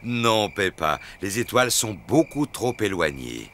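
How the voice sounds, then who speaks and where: Jolly, lively cartoon father pig. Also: on the low side, a little slow, slight background noise. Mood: warm, explaining. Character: jolly, good-natured father pig with hearty chuckle. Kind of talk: children's cartoon dubbing. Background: music.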